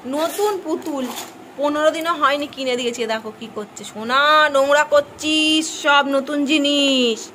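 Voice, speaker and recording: A woman's voice: sits high, a little slow, sharp tone, a little hiss or hum. A young woman filming a casual family vlog, chatting with her child and the viewers, teasing and scolding by turns. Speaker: mother and vlogger.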